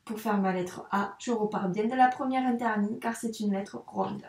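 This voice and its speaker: A woman teacher from France giving a young child a handwriting lesson, spelling out sounds slowly and clearly, syllable by syllable. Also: medium pitch, darkish tone, roomy sound. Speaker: first-grade teacher.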